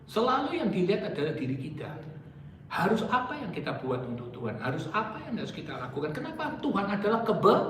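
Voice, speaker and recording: A male pastor preaching a lively sermon to his congregation, joking with them and acting out the people he quotes. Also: sits high, brisk, echoey room, distant mic, a little hiss or hum. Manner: animated, jokes with the congregation, acts out quoted speakers. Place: church sanctuary.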